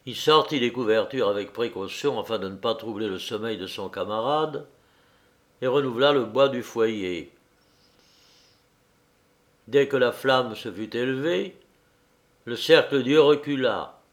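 Slow, measured male narrator. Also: mid-range voice. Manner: measured, deliberate reading.

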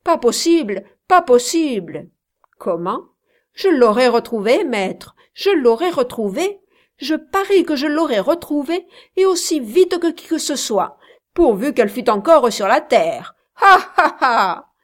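A woman voicing an excitable young male errand boy who shouts his eager protests in a storybook reading. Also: high-pitched, unhurried, few pauses, voice pushed up.

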